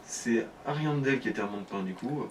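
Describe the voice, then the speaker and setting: As co-host of a let's play, a man offers casual game commentary and guidance, explaining things informally with hesitant phrasing. His voice is medium-pitched at normal speed, picked up by a distant mic with faint background noise.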